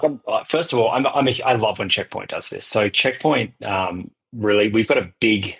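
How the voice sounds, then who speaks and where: A middle-aged Australian man with a somewhat low, husky voice talks freely as a podcast guest. He often trips over and repeats his opening words before a long, rambling explanation comes out. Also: moderate pace, fairly bright tone, low-quality recording. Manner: talkative, many restarts and repeated words. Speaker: guest, cybersecurity vendor executive. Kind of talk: conversational podcast interview.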